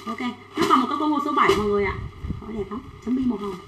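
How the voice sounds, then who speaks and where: A woman selling children's clothes on a livestream, chatting quickly and reading out sizes and buyers' names. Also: fairly high pitch, sharp tone, reverberant, slight background noise, rough recording. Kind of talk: fast livestream sales pitch.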